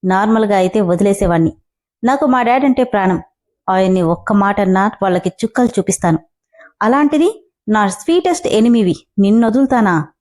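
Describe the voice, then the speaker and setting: A man's voice: high-pitched, fairly quick, darkish tone, natural voice. A woman voicing a brash, arrogant young male company boss who talks in a commanding, taunting way, in a storybook reading.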